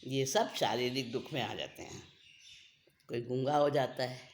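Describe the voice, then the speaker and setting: A spiritual teacher giving a scriptural discourse, deliberate and repeating key phrases for emphasis. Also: mid-range voice, slight background noise.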